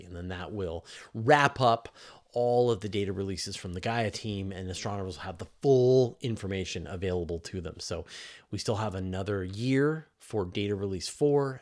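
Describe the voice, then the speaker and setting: A science journalist with a fairly low voice hosts a science question show as a casual Q&A livestream, reading questions and answering off the cuff. He talks conversationally, leans hard on key words, and often restarts a thought to put it another way.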